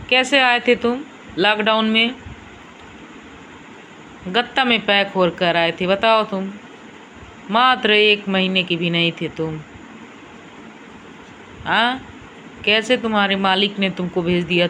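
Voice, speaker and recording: A woman filming her pet dog, mixing cooing baby talk with sharp high commands. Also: steady tone, measured pace, long pauses, a little hiss or hum. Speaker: dog owner. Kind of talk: casual pet vlog.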